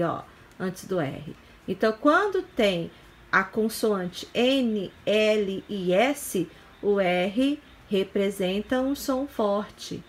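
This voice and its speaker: A woman teaching young children in a recorded review lesson, explaining patiently step by step and checking in often with short questions. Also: medium pitch. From Brazil. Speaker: primary school teacher.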